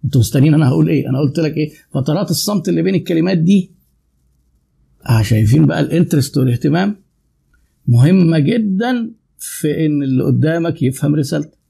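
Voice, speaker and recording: Egyptian guy in his 50s giving a sales lesson, gravelly voice, fires off questions and answers them himself. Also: on the high side, mellow. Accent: Egyptian Arabic. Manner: asks the audience rhetorical questions and answers them. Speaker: sales trainer. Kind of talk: spoken lecture on sales communication.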